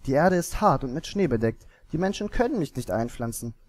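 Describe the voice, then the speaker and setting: A man's voice: a little high, sing-song, fairly quick, a little mellow, dry recording. A man voicing a lonely, hopeful young fir tree that asks itself earnest, wondering questions.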